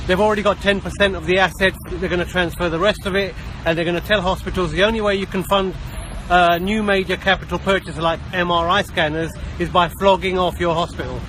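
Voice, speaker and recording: A British doctor and campaigner speaking emphatically in a street interview outdoors. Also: male voice, high voice, steady tone, brisk, a bit bright, poor audio. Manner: emphatic, urgent. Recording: street traffic noise behind.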